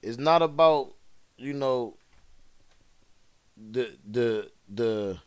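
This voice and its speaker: Man, casual slangy chat, smooth resonant voice, dry close sound. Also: mid-range voice, expressive, drawn-out words, no room sound. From Detroit. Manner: laid-back, slangy, emphatic. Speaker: podcast co-host.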